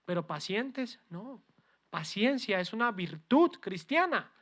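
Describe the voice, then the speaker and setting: A male pastor delivers a sermon. He keeps checking in with his listeners through quick rhetorical questions. His delivery rises to forceful emphasis, then drops to quiet, low asides. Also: sing-song. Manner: peppers talk with rhetorical questions to the congregation; swings between loud emphatic lines and soft low asides.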